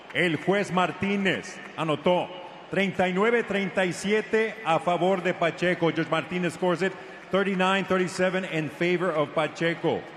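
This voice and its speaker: A man's voice: high voice, fairly bright tone. A man doing formal, ceremonious bilingual ring announcing, declaiming like a lucha libre announcer over an arena PA. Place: boxing ring in an indoor arena. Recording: echoey arena PA with long reverb, noisy.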